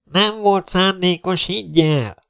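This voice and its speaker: A man voicing a stern male police captain who gives orders through a loudspeaker. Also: fairly high pitch, pitched above the performer's own voice, natural voice. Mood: commanding. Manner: commanding, demanding.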